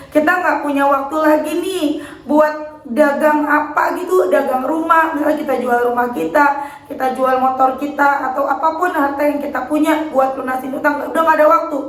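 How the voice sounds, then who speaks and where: A woman's voice: high voice, echoey room, rough recording. A woman giving an earnest religious motivational talk, repeating her exhortations and addressing viewers as friends. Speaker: motivational speaker.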